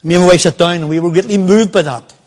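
A man's voice: high-pitched, fast talker, a little mellow. An older man, telling a personal story in a sermon and quoting the people in it. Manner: anecdotal, quoting others in dialogue. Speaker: preacher.

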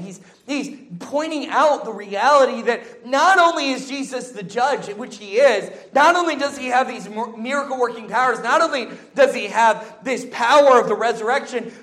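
High-pitched man preaching an emphatic sermon. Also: fairly bright tone. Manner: emphatic, exhorting, with repeated short phrases and rhetorical questions.

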